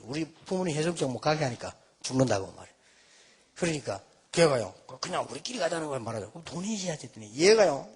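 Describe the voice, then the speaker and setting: Man, fifties, preacher, high lively voice, husky, folksy storytelling. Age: 50s. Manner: folksy, animated storytelling with self-mocking humor. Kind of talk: storytelling sermon.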